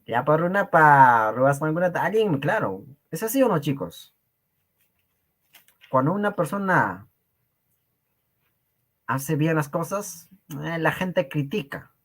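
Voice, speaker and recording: Lively, joking man teaching a class. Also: fairly high pitch, slow pace, long pauses. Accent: Peruvian Spanish. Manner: joking, laughs often, repeats phrases to students. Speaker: Quechua teacher. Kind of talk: online language class.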